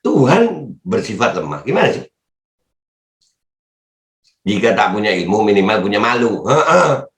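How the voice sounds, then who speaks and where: A man giving casual, mocking commentary while he reads out comments. His voice leaps up high when he teases, and he laughs often. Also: very animated, a little slow, pauses often, a bit bright, reverberant. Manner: mocking, laughs often, pitch jumps up sharply. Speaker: political commentary vlogger reading comments. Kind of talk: casual Jakarta-slang commentary.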